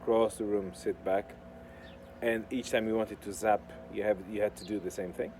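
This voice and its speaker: Speaking at a moderate pace, a Portuguese-accented video host chats to his viewers in a casual, rambling way, his voice fairly low and very mellow. His humor is deadpan and sardonic, with plenty of swearing. Urban construction noise comes through faintly behind him in this clear outdoor clip.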